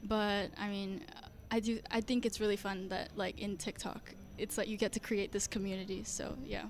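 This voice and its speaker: A teenage girl from Singapore, a young singer, answers interview questions shyly and hesitantly, using many fillers. Her mid-range voice is flat in delivery and moderate in pace.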